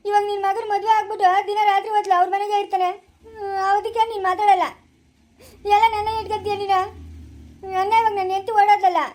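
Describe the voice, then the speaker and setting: A pleading, tearful young husband, acted by a woman in a rural comedy skit. He has a rural Chikkaballapur accent and a high, shrill voice. He rattles off his complaints at speed. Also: darkish tone. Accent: Chikkaballapur rural Kannada. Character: distraught young husband, male, wife ran off.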